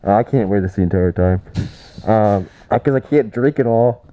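A man's voice: fairly low pitch, normal speed, warm tone, slight background noise. A man co-hosting a podcast in casual chat, his voice muffled and hollow like a cave because he is talking inside a rubber duck mask. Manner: joking, laughs often. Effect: muffled, cave-like sound from talking inside a rubber duck mask. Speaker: podcast co-host.

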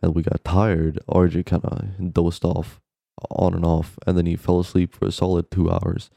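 A man's voice: low-pitched, monotone, normal speed, creaky, warm tone, no room sound, clean studio sound. A young man co-hosting a podcast, casually recounting things in sweary, bro-ish frat-boy slang. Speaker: podcast co-host. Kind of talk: casual chat, storytelling.

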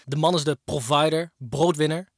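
A young man with a fairly high voice speaks a personal monologue straight to his ex-partner. He moves between hushed reflection and raised, pained outbursts. The recording is dry and close, with no room sound. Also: fairly even intonation, moderate pace, no room sound. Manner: emotional, addresses his ex-partner directly. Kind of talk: personal spoken-word monologue.

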